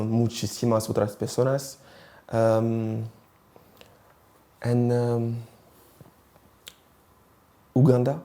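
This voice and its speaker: In this personal interview, a Rwandan man in his twenties moves between languages as he responds haltingly, searching for the right words. His medium-pitched voice is warm with a creaky quality.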